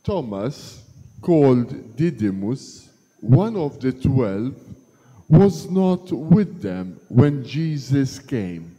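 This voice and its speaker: Slow dark-voiced man with cathedral echo. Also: mid-range voice, very animated, husky. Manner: measured, deliberate proclamation. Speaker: gospel reader at Mass. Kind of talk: solemn liturgical reading. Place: large church. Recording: long church reverb.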